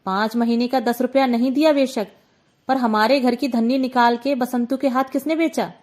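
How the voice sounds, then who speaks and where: A poor hunchbacked young woman from a read-aloud story, crying out in a pleading, wailing voice, as a woman narrator puts her on. She sounds wronged and desperate, and her voice sits slightly above an ordinary woman's pitch. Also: fairly even intonation, normal speed, a little mellow, lightly acted. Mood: defiant.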